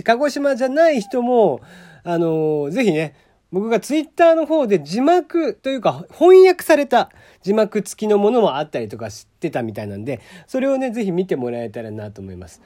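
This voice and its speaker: A man from Kagoshima hosts a relaxed solo podcast and keeps it chatty and loose. His pitch rises and falls freely while he talks. He laughs often and leans on fillers. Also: moderate pace. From Kagoshima, Japan. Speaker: podcast host. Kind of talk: casual solo podcast talk.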